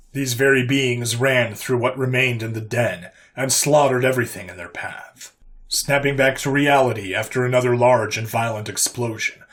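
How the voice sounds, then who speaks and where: A man narrating a military science fiction story in a steady, even reading voice. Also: mid-range voice. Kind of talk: scripted sci-fi story narration.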